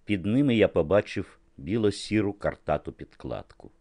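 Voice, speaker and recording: A man reading an audiobook novel as narrator, in a measured literary manner. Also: low voice, lively intonation, darkish tone, no room sound. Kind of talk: scripted narration.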